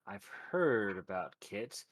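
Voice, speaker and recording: A man voicing a hesitant, nosy nomad journalist in halting, probing small talk for a tabletop role-play. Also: fairly low pitch, big pitch swings, exaggerated voice. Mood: casual probing.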